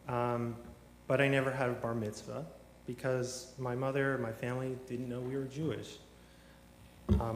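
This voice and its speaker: In a large synagogue sanctuary with long, echoing reverb, a man gives informal testimony at a service, telling his personal story. He rambles with lots of ums and restarts and slips in wry jokes, his mid-range voice set against slight background noise.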